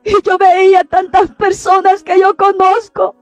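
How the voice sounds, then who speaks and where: A woman preacher giving an impassioned testimony, tearful and pleading, sometimes breaking into shouts and often addressing her listener as a beloved brother. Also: very high-pitched, flat delivery, measured pace, dry recording, faint music behind. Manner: repeats "mi amado hermano" to the listener.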